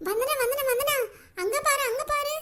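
Brief: cartoon teen friend, gossipy and teasing, high and bright. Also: female voice, normal speed.

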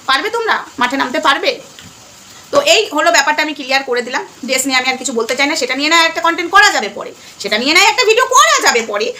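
Fast, high-voiced woman vlogger, emphatic. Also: sharp tone, slight background noise. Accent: Bengali. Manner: emphatic, repeating "ঠিক আছে?". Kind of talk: casual talk to viewers.

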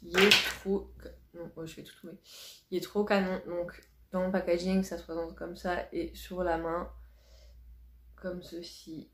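A beauty vlogger unboxes a box while chatting casually to the camera, her voice fairly low and level at a measured pace. She gushes and repeats words for emphasis. The recording has a roomy echo and a faint hiss.

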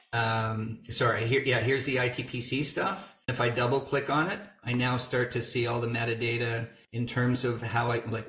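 A middle-aged man giving a casual walkthrough of photo software, talking through each step as he clicks. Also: medium pitch. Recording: roomy echo.

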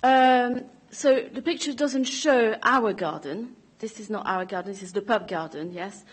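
A woman's voice: a little high, unhurried, breathy edge. A woman in her thirties giving spontaneous answers at a public meeting, speaking into a desk microphone. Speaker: resident answering committee questions. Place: council meeting chamber, indoors. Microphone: gooseneck desk microphone.

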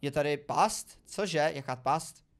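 High-voiced excitable man commenting on a game. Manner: excitable, exclamatory, talking to viewers. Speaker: gaming video creator. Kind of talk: let's play commentary. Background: faint background music.

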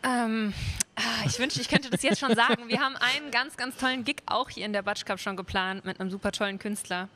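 A woman's voice: a little high, fairly quick, few pauses, bright, forceful tone. A young woman from Berlin, a singer, chatting casually in an interview into a handheld mic at a music club. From Berlin, Germany. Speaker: singer, guest.

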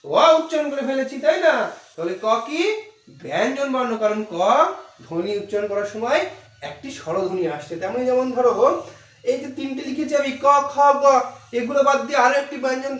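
A woman teacher gives a demo class, coaxing pupils with questions and slowly repeating their answers. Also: high voice, expressive. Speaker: primary school teacher. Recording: echoey room, mic at a distance.

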